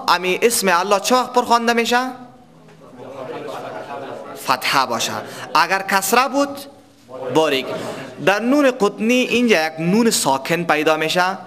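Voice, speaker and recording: Man, tajweed teacher, high voice, question-and-answer lesson, slow chanted examples. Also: very animated, fairly bright tone. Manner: explains rules, then asks the class and answers himself; slows down to chant verses as examples. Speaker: Quran recitation teacher.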